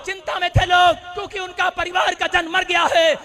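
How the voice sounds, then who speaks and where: A man preaching a healing crusade sermon, shouting and telling the story dramatically with acted voices. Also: very high voice, flat delivery, normal speed. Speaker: pastor. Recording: crowd heard behind. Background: congregation responding.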